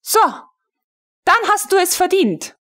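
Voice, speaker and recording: A woman reading a jealous, imperious young female colonel in an audiobook, scolding sharply in a high voice. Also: sing-song, takes it slowly, pushed and bright, exaggerated voice.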